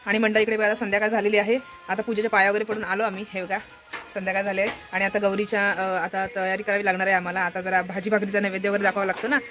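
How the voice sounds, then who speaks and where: A woman's voice: medium pitch, flat delivery, racing, a bit bright, soft background music. A woman chatting to her viewers as she films her family's festival preparations at a village home, sounding worn out from travel and a headache. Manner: chatty, addresses viewers directly. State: tired with a headache. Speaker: vlogger. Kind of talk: casual family vlog narration. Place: village home during monsoon rain.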